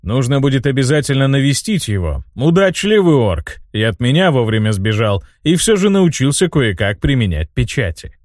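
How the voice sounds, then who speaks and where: A man's voice: medium pitch, sing-song, normal speed, hardly any pauses, a little mellow, no echo, studio quality, close to an everyday voice. A man voicing a scheming, boastful old male mage who gloats and cackles, in an audiobook reading. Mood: smug. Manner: gloating, theatrical, breaks into laughter.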